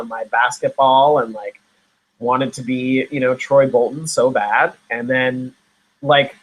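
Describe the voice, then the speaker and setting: Young man from Nova Scotia, husky, loose rambling interview talk. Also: mid-range voice, fairly bright tone, poor audio. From Nova Scotia, Canada. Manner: rambling, many fillers and restarts. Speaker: actor guest. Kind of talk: casual interview chat.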